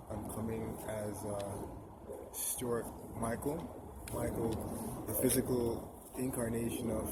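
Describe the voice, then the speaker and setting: Talking to camera about personal spiritual matters, this vlogger, a man in his twenties, speaks haltingly, full of pauses and restarts as he hunts for words. His voice is low with little rise or fall, and traffic and outdoor sounds are clearly audible the whole time.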